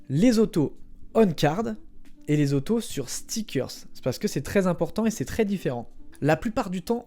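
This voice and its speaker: Young man, mellow tone, higher pitch, playful vlog host, spoken sound effects, talks straight to viewers, faint music behind. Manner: chatty, addresses viewers directly. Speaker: trading card collector and channel host. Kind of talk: casual explainer vlog.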